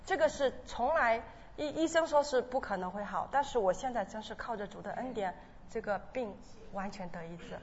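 An earnest woman shares her personal testimony before a congregation, often stumbling and restarting. Her voice carries a long hall echo, a dull, muffled tone and a faint hum of ambience behind it. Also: fairly high pitch. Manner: earnest, emotional, with halting restarts. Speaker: church member giving testimony. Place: church hall.

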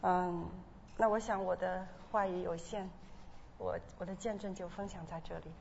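A woman's voice: fairly low pitch, fairly even intonation, gravelly, darkish tone. An earnest woman shares her personal testimony before a congregation, often stumbling and restarting. Her voice carries a long hall echo, a dull, muffled tone and a faint hum of ambience behind it. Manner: earnest, emotional, with halting restarts. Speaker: church member giving testimony. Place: church hall.

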